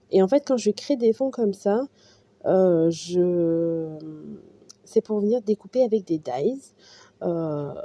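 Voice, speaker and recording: A woman talks through an art journal tutorial in a very dark, mellow voice. She hesitates often and fills pauses as she explains. The sound is dry and close. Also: medium pitch, no echo. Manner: hesitant, many fillers and restarts. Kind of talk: casual craft tutorial narration.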